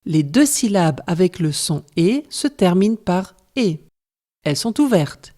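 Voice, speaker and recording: Slow, careful woman teaching French. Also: on the low side, big pitch swings, mellow. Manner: slow, careful, explains step by step. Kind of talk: scripted lesson narration.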